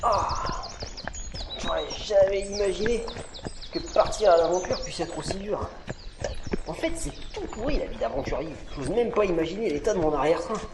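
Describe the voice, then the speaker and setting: A man's voice: sits high, lively intonation, normal speed. A man acting as a young, easily overwhelmed novice adventurer, plaintive and complaining, in a fantasy audio saga. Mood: weary, whining. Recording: roomy, clearly noisy recording.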